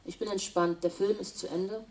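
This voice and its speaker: An actress playing a female traveler who narrates her journey in a calm, reflective way. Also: mid-range voice, normal speed, distant mic, close to an everyday voice. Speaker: traveler telling her story.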